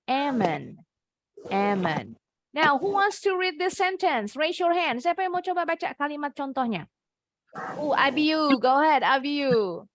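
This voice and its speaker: A woman's voice: high-pitched, a bit bright. A young woman from Indonesia teaching an online English class to children, drilling words over and over and coaxing the pupils. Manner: drills words, repeats them slowly, coaxing. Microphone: computer mic on a video call.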